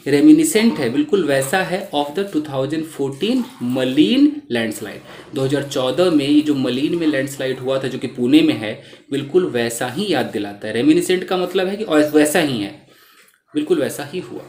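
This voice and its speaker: A man's voice: mid-range voice, lively intonation, darkish tone, a little hiss or hum. Man teaching English in Hindi, echoey. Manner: reads English lines slowly, then explains word meanings. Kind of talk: explaining a news article in Hindi. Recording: roomy echo.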